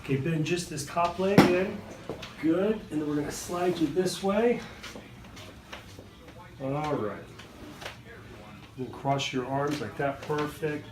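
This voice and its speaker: A man's voice: a little high, slow pace, long pauses, noisy background. Echoey, distant male chiropractor with reassuring instructions. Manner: reassuring, casual. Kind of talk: talking a patient through a hands-on adjustment, with short instructions. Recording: echoey room, distant mic, music behind.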